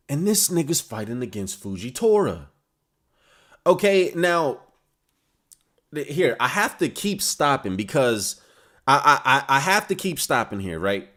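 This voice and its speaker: Excitable young man with a lively voice. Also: medium pitch. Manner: excitable, slangy, jumps between reading and ranting. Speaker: manga discussion host. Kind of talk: live reaction and commentary.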